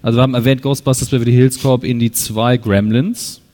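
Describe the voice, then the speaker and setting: A man co-hosting a live podcast, running through topics in an animated way. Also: mid-range voice, fairly quick. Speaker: podcast co-host. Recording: echoey hall.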